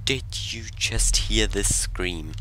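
A man's voice: on the low side, animated, slow pace, background noise. A man commentating his own horror game play, jumpy and talking to himself, sometimes dropping to a whisper when scared. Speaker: gameplay commentator.

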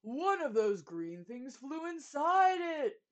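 A woman's voice: high-pitched, very animated, slow, muffled recording, voice pushed up, heavily acted. A woman voicing a flustered male royal trumpeter in a storybook, groggy and then wailing.

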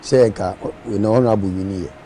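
A man's voice: on the low side, quick pace, mellow, slight background noise. A man speaking casually about politics, hesitant and often repeating his words.

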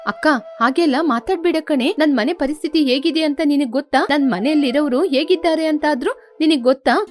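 A woman's voice: high voice, a little fast, soft background music, natural voice. Woman doing a meek young village wife. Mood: earnest. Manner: gentle, pleading. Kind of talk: storybook character voice.

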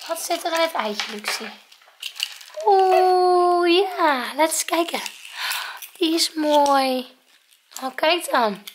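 A mother chatting softly and cooingly with her young children at home for a family vlog. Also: very high voice, lively intonation, slow pace, pauses often, background noise. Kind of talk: casual family vlog chat.

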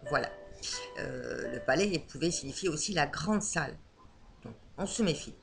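A woman's voice: deep voice, animated, normal speed, gravelly, music in the background. A woman teaching a lesson on Old French, explaining patiently with frequent hesitations.

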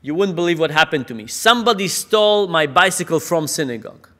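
A man voicing an excited man whose bicycle went missing, in a joke told on stage. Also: on the high side, quick pace. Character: excited man who lost his bicycle. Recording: echoey conference hall.

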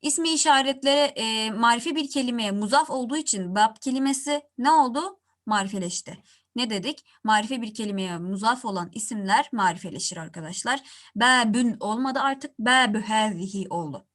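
A woman teaching an Arabic grammar lesson in Turkish, who asks her students questions and answers them herself, and slows down to pronounce each example word. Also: a little high.

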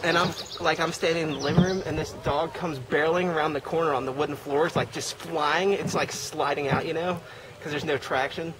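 A man with a slightly raised voice tells a funny story in a loose, animated way, full of "like" and "you know." He is out on a river, and loud water and outdoor noise run under his talk. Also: a little high, a little fast. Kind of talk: casual chat, storytelling.

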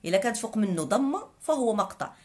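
A woman with a Moroccan Arabic accent teaching a reading lesson, patiently spelling out sounds slowly and repeating each word. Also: a little high, very animated, darkish tone. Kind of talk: explaining a lesson.

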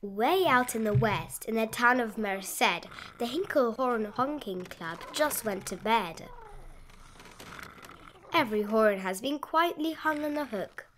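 Over some noticeable background noise, a woman with a fairly high voice reads a children's picture book aloud at a slow pace. Playing the storybook reader, she leans into the rhymes with an expressive, sing-song delivery.

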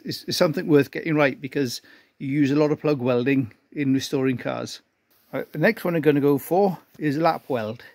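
Explaining every step, a self-deprecating amateur car restorer demonstrates welding at a relaxed pace in his cluttered garage workshop. His pitch is fairly high, and the recording is dry.

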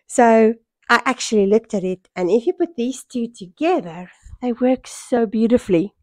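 A middle-aged South African woman with a hoarse voice worn by a cold, chatting casually in a home vlog. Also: on the high side, normal speed, a little mellow, no room sound, clean studio sound. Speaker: sewing vlogger. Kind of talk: casual vlog chat to camera. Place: small furnished room at home, indoors. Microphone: small microphone held near the mouth.

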